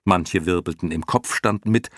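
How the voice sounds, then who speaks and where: A man with a deep, husky voice narrates a story, his delivery lively and full of rises and falls. The recording is close and dry. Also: normal speed, no echo. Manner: expressive, varied storytelling. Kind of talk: audiobook reading.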